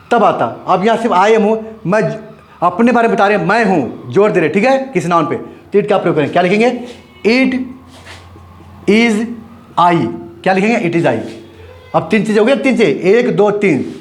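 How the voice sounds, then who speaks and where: A man teaching English grammar in Hindi, explaining step by step with English terms and quick checking questions. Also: high voice. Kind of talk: Hindi classroom lesson.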